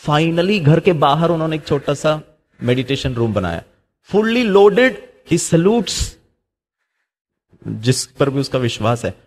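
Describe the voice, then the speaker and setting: A man's voice: fairly high pitch, big pitch swings, slow pace, a little mellow. A middle-aged man giving a motivational talk. He slips English into Hindi, asks rhetorical questions and acts out the voices in his stories. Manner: acts out quoted voices while telling stories. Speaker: spiritual speaker.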